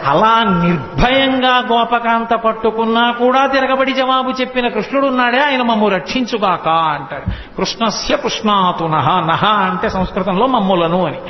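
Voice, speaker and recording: High-voiced man telling a devotional story in an echoey hall. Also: normal speed. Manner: acts out voices of characters and chants Sanskrit verses. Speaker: religious discourse speaker. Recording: echoey hall, dull lo-fi sound.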